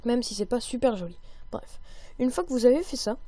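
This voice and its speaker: A woman recording a casual software tutorial, chatty and upbeat, with many fillers. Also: fairly high pitch, expressive, a little fast, no room sound. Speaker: tutorial maker.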